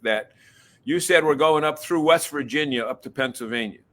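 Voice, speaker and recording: A man's voice: on the high side, moderate pace, a bit bright. A man co-hosting a casual talk show, easygoing and given to teasing his partner. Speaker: co-host. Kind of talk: casual chat.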